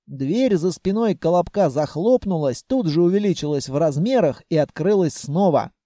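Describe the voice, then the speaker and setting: A man narrating a fantasy audiobook in the first person, wry and animated. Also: a little high, moderate pace, dry recording, clean studio sound.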